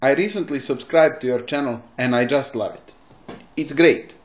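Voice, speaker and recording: A man from Bosnia recording a good-humored video message, talking haltingly and searching for words. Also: mid-range voice, lo-fi sound. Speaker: video maker thanking a YouTuber.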